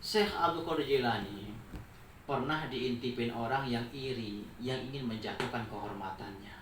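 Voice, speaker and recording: A man preaching at a memorial gathering, telling lively stories with jokes and acting out dialogue. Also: medium pitch, moderate pace. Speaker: Islamic preacher. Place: large room in a private home. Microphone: distant mic. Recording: roomy, distant mic, faint noise.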